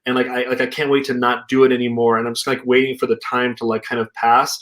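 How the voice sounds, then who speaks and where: A young man speaks casually over a remote call. His voice is mid-pitched, and he sounds thoughtful and unhurried, with frequent filler words as he works through his ideas. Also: little pitch movement, fairly bright tone. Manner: reflective, hedging with "like" and "you know". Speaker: co-founder and healing practitioner. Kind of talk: casual conversation.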